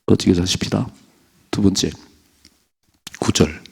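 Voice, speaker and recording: A middle-aged man preaching at dawn in a church, his low voice gravelly and husky. He presses his points hard and acts out the scripture's dialogue in a raised voice. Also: steady tone, a little slow, darkish tone. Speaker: pastor. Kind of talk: early morning sermon. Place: church sanctuary.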